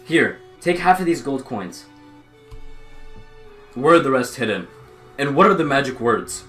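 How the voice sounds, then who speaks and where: A woman voicing a timid, honest male woodcutter in a storybook reading, in a low, hesitant, humble voice. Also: big pitch swings, a little slow, fairly bright tone, faint music behind, exaggerated voice. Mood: urgent.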